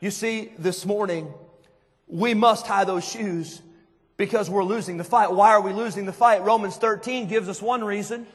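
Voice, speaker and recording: High-voiced preacher in a big echoing hall. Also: male voice, fairly even intonation, normal speed, husky. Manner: emphatic, swings between hushed and shouted. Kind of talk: sermon. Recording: long hall reverb.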